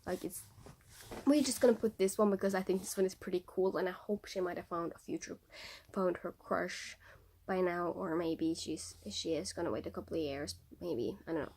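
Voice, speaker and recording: In a casual vlog, this young woman from Norway speaks English as a second language with a Norwegian accent, reading book passages aloud between chatty remarks full of fillers and restarts. Her voice is on the low side, a little mellow, at a moderate pace, with slight background noise.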